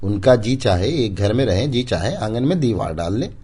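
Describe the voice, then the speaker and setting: A man's voice: on the low side, animated, moderate pace, dark tone, slightly rough, voice pushed up. A man voicing a weary, proud older village aunt who speaks curtly and with resignation. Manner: curt, resigned.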